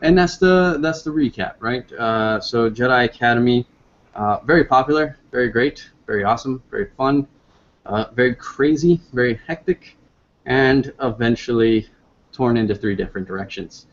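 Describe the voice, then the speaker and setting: A man's voice: mid-range voice, normal speed, highs cut off. A man hosting a casual live online discussion, rambling and upbeat with many fillers. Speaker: host.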